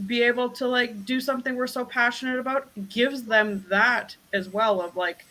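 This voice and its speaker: A woman's voice: a little high, steady tone, moderate pace, pushed and bright, low-quality recording. A woman chatting casually, reflecting thoughtfully on raising children. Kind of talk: casual chat.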